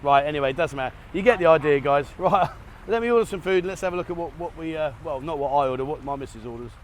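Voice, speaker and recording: A man's voice: on the high side, quick pace, a little hiss or hum. Chatty man vlogging at a cafe. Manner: chatty and rambling, laughs at his own slips. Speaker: travel vlogger. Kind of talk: casual vlog chat to camera. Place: cafe in Thailand, partly outdoors.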